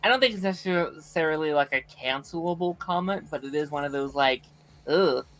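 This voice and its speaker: A man co-hosting a casual chat, voicing frank opinions with halting restarts. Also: fairly high pitch, a bit bright, slight background noise, low-quality recording. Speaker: co-host.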